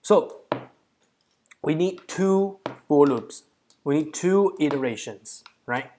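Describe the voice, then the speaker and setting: A man's voice: fairly high pitch, expressive, takes it slowly, dark tone, slight background noise. A man hosting a coding challenge, casually thinking aloud as he walks through a problem, counting out digits and correcting himself.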